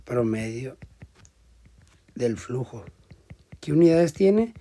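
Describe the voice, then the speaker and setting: A man giving a classroom lecture, explaining step by step and often checking in with the class, his volume swinging between loud emphasis and quiet asides. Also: mid-range voice, lively intonation, takes it slowly. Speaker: teacher.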